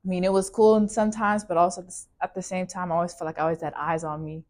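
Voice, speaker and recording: A young adult woman from California, USA, speaks in a low, level, laid-back voice, though very fast. Relaxed and full of fillers like "like" and "you know," she's an interviewee telling a personal story in a casual interview.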